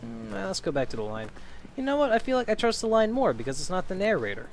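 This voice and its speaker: A man's voice: high voice, sing-song, quick pace, vocal fry, soft background music. A man streaming a video game and giving casual commentary, joking and heckling the game as he plays.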